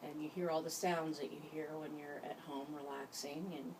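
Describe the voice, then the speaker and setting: A woman leading an informal guided hypnosis session, giving gentle instructions in a halting way. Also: low-pitched, fairly even intonation. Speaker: hypnosis practitioner. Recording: distant mic, faint background noise.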